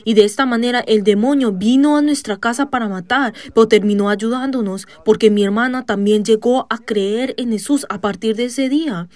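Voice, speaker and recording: A woman giving a church testimony in a measured storytelling manner, pausing on "ah" fillers and breaking into loud shouted commands. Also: fairly high pitch, dry recording. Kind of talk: spoken testimony sermon.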